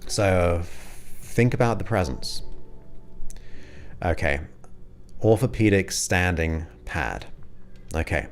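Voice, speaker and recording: Faint music plays behind a livestream host in his forties whose voice sits low. He talks slowly and expressively with long pauses, rambling in casual chat and thanking viewers by name.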